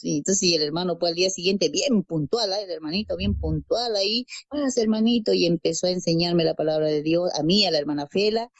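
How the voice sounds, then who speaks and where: A woman's voice: fairly low pitch, no echo, lo-fi sound. A woman from Peru telling her conversion testimony as a guest, storytelling and acting out quoted dialogue, repeating phrases. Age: adult parent. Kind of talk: personal faith testimony.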